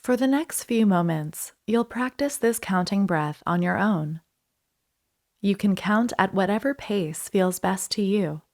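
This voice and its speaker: Slow-paced woman guiding a breathing meditation. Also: medium pitch, darkish tone. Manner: soothing, unhurried instruction with pauses. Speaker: guided meditation instructor.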